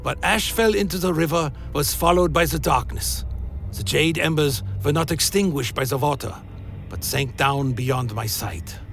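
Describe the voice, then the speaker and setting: A man narrating a first-person dark fantasy story with a solemn, literary delivery. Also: on the high side, normal speed, vocal fry, slight background noise.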